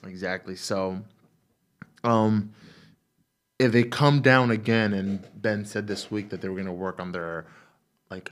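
Man, low-pitched voice, casual sports chat, rambling, repeats himself. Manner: rambling, repeats himself, breaks down stats and picks.

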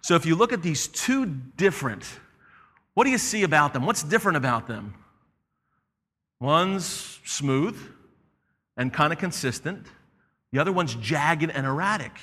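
A fairly high, bright and forceful male voice delivers a sermon from the pulpit. He preaches in an animated, conversational way and slips into voices for the people in his story. The sound rings with the long reverb of a large church hall. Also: a little slow, pauses often. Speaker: pastor.

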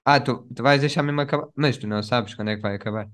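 A young man chats as a podcast co-host. His voice has a medium male pitch, and his delivery is informal, full of slang and joking. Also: rapid-fire, a bit bright. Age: young adult. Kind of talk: casual chat.

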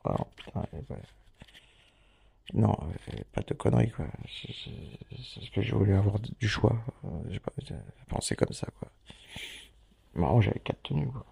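A man with a gravelly, husky low voice tells a rambling, casual audio diary from his hospital stay. His tone is dark and mellow, loose and full of swearing and laughter. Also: sing-song, moderate pace. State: hospital patient. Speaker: podcast host.

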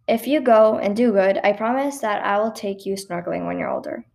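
A woman's voice: medium pitch, fairly quick, gravelly, darkish tone, natural voice. A woman reading a story aloud, voicing a patient, reassuring mother in her own voice.

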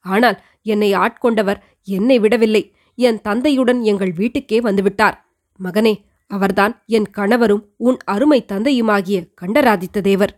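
A woman's voice: mid-range voice, voice pushed down, close to an everyday voice. A woman reading as an elderly devout queen mother. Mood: reminiscing. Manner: earnest, measured storytelling. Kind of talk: audiobook reading of a historical novel.

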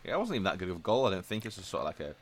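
A man's voice: low voice, big pitch swings. A man, co-hosting a podcast and chatting casually and jokily. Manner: chatty, jokey, quick asides. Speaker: podcast co-host. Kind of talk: casual chat.

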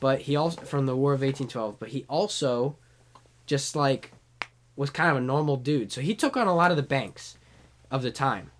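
A man's voice: mid-range voice, moderate pace, slight background noise. Young guy, casual podcast co-host, crude rambling banter. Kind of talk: casual chat.

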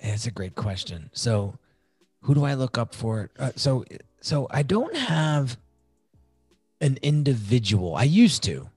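A man talking as a podcast guest, telling his own story in an animated, excitable way. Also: mid-range voice, unhurried, slightly rough, no echo, soft background music. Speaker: podcast guest, design agency founder. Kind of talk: casual storytelling interview.

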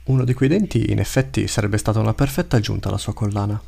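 A male storyteller reads a dark fantasy hunt in a measured, dramatic way. His voice is low and strongly gravelly, with a faint hiss behind it. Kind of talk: scripted narration.

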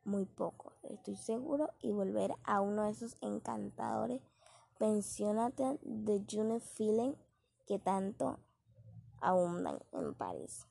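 Woman narrator doing a persuasive, scheming man for an audiobook, husky and dry. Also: mid-range voice, takes it slowly, mellow, dry recording, heavily acted. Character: scheming middle-aged man making an offer.

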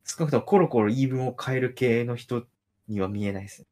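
A man's voice: mid-range voice, fast talker, a little mellow. A man from Nagoya, a guest on a casual podcast, thinking aloud in a musing way with hesitant restarts. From Nagoya, Japan. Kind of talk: casual chat.

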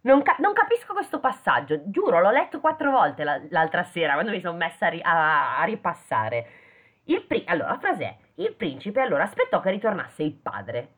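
Over phone-like lo-fi audio, a woman with a lowish, fairly bright voice reads a fairy tale aloud at a fairly quick pace, her pitch swinging hugely. It's a casual chat, and she keeps breaking off from the reading to joke about and question the text.

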